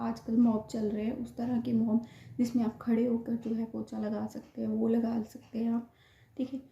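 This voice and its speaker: A woman's voice: fairly high pitch, gravelly, warm tone. A young woman, slightly short of breath, earnestly giving repetitive, instructive advice in casual talk to camera. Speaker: vlogger sharing her IVF experience. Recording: roomy, dull lo-fi home recording.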